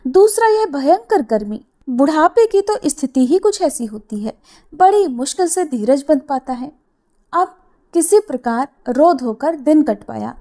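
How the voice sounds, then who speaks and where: A woman with a high, light voice narrates a devotional story. Her telling is gentle and expressive, and she gives voice to the characters' quoted words.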